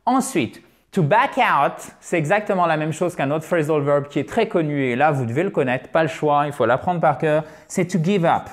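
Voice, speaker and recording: A man teaching English in French, lively and chatty, repeating example sentences slowly to drill pronunciation. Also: a little high. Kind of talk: French-language English lesson.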